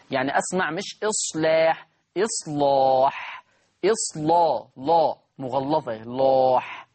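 A man with an Egyptian Arabic accent teaching Quran recitation rules, step by step. He repeats key phrases slowly and quizzes his listeners with questions. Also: on the high side, slightly rough.

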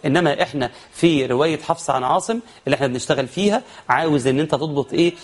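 A man with an Egyptian accent teaching Quran recitation rules, explaining quickly and then chanting verses slowly. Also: fairly high pitch. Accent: Egyptian Arabic. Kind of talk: tajweed lesson with chanted examples.

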